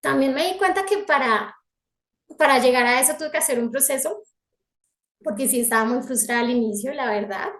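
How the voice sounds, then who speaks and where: A woman's voice: high voice, fairly quick, fairly bright tone, echoey room. A woman with a Colombian accent sharing a reflective personal testimony at a spiritual gathering, restarting her sentences often as she recalls events. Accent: Colombian Spanish. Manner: heartfelt, reflective storytelling with frequent restarts.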